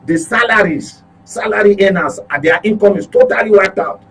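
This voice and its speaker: A man with a Nigerian accent and a high, slightly bright voice speaks at a normal pace as a studio panelist on a political radio talk show. His commentary is impassioned and emphatic, full of rhetorical questions and repeated phrases.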